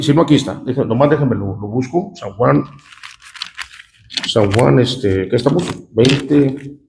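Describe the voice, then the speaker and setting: A man's voice: medium pitch, creaky, darkish tone, reverberant, slight background noise. A male pastor reads scripture and comments on it in a conversational way, often turning to the congregation with "¿verdad?". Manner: conversational, often asks the congregation "¿verdad?" and "¿cuántos dicen amén?". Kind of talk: sermon reading scripture aloud with commentary.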